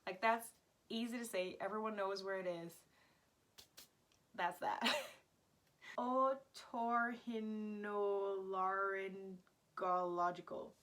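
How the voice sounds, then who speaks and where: Bright, giggly young American woman. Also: medium pitch. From Florida, United States. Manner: giggly, laughs often, chatty with many "like" fillers. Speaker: language vlogger. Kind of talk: casual talk to camera.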